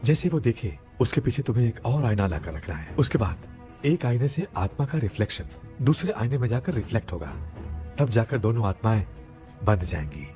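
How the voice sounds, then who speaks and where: An actor dubbing a composed male ghost expert who talks in a calm, instructive way. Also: medium pitch, normal speed, soft background music, natural voice. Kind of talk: Hindi film dubbing.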